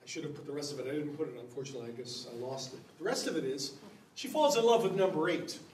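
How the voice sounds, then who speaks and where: A male pastor with a fairly high voice delivers a good-humored Bible lecture, wry and amused by the stories he explains. He sounds a bit distant from the microphone in a roomy, echoing church hall with a faint hum behind him. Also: expressive, quick pace, a little mellow. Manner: wry and humorous, chuckling at the text.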